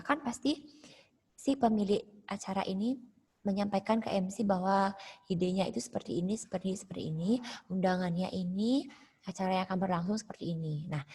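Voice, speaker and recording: Breathy woman teacher explaining step by step. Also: mid-range voice, darkish tone, big-room sound. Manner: explains step by step, asks "ya" often. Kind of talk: online class lesson.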